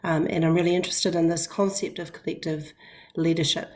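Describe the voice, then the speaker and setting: A woman's voice: lowish voice, level tone, brisk, darkish tone. A woman introducing herself conversationally as a panellist. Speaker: panellist, engineer and director.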